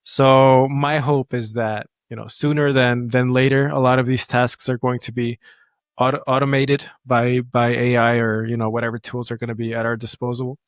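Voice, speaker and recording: Even-toned man from Bulgaria. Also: mid-range voice, moderate pace, no room sound, studio quality. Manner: steady, even-toned, reassuring advice. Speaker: guest. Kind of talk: casual interview talk.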